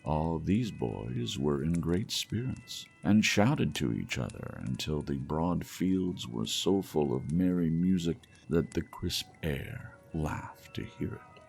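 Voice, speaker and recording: Very deep, slow male storyteller. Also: sing-song, gravelly, darkish tone, breathy edge. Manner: slow, measured, soothing reading. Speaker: audiobook narrator. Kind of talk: scripted storybook narration. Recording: faint music behind.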